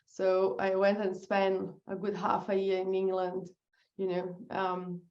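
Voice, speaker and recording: A woman's voice: medium pitch, monotone, unhurried, lo-fi sound. A woman from Brazil with a Brazilian Portuguese accent, a guest in a casual interview who laughs often and sometimes searches for words. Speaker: guest, business founder.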